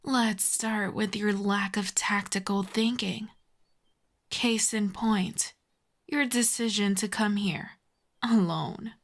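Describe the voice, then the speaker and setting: In an ASMR audio roleplay monologue, a woman plays a smug telepathic villainess who is mocking, menacing and secretly intrigued. Her breathy, medium-pitched voice often drops toward a whisper, with fairly even intonation, as she draws out each sardonic taunt in a mocking mood.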